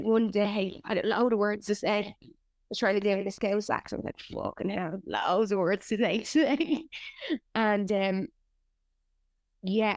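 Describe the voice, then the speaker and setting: Actress chatting loose and blunt, bit of fry in her voice, dry close sound. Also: medium pitch, no echo. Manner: candid, swears freely, laughs often. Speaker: actor and writer guest. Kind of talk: casual interview chat.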